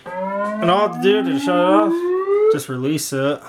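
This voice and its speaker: Over the sound of a noisy crowd, a man with a high voice and huge pitch swings speaks at a normal speed. He casually walks viewers through home rooms and a workshop as host, rambling in stop-start phrases, in a recording with clear room noise and clicks.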